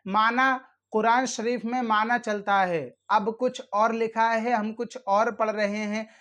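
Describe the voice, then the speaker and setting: A man's voice: high voice, fairly even intonation, slow pace, a bit bright, dull audio. A man hosting his channel, giving earnest religious instruction and repeating his warnings while speaking formally to viewers. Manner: addresses viewers directly and formally. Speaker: channel host teaching prayer rules.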